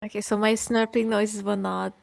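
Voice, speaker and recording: A woman's voice: medium pitch, level tone, normal speed, vocal fry, no room sound. Giggly, foul-mouthed woman co-host. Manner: giggly, playful, swears freely. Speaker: podcast co-host. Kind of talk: casual chat on a live stream.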